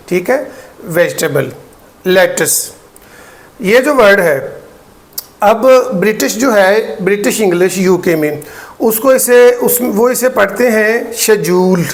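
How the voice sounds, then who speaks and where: A man from Pakistan with a Pakistani Urdu accent, teaching English pronunciation and slowly repeating each word for practice. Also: high-pitched. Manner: slow, deliberate, repeats words for drill; explains patiently, checks in with "ठीक है". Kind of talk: pronunciation lesson.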